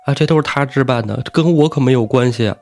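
A man's voice: mid-range voice, fast talker, darkish tone, voice pushed up, close to an everyday voice. A man voicing a terrified young woman who pleads frantically and stammers. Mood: panicked pleading.

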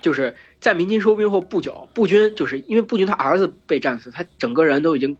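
A hoarse man hosting a podcast, retelling an epic in casual chat, full of fillers and restarts. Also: a little high, animated, fast. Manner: rambling with many fillers and restarts. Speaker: podcast host retelling myths. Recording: dull lo-fi podcast recording with faint music.

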